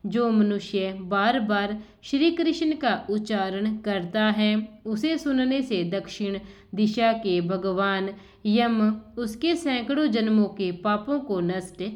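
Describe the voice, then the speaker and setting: A woman slowly reading out a devotional scripture story in an even, recited manner. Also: a little high. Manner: slow, even recitation of sacred text. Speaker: scripture reader.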